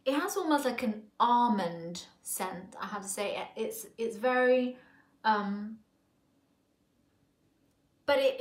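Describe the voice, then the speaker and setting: A Thai woman in her 40s, a home vlogger, reviews a perfume from her living-room sofa, speaking slowly on the high side and musing aloud with plenty of fillers and restarts. A camera in front of her records at close range, and the room sounds echoey.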